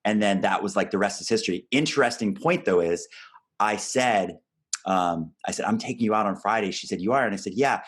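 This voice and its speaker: A man in his forties hosting an interview, chatting and telling his own anecdote in a relaxed, conversational way, quick to laugh. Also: lowish voice, slightly rough. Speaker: podcast host.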